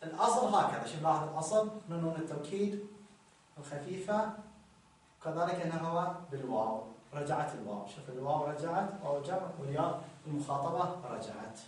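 High-voiced teacher, echoey room. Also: male voice. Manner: repeats examples slowly, tells listeners to notice. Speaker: Arabic grammar teacher. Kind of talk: explaining grammar rules with examples. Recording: very echoey room, distant mic.

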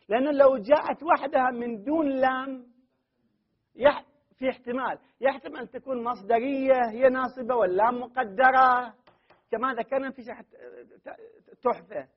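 A man's voice: extremely high pitch, breathy edge. A man with an Iraqi accent giving a classroom grammar lecture as a seminary teacher, often putting questions to his students and then answering them himself. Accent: Iraqi Arabic. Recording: muffled lo-fi recording.

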